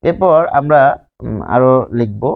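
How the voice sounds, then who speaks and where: Gravelly Bangladeshi male teacher. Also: mid-range voice, animated, narrow, tinny audio. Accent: Bangladeshi Bengali. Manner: explains slowly, repeats words, asks rhetorical questions. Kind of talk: whiteboard grammar lesson.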